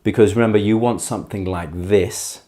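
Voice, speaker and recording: A man giving a beginner guitar tutorial in a careful, unhurried way, patiently and reassuringly explaining each step. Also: on the low side, fairly even intonation. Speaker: guitar teacher. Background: acoustic guitar playing.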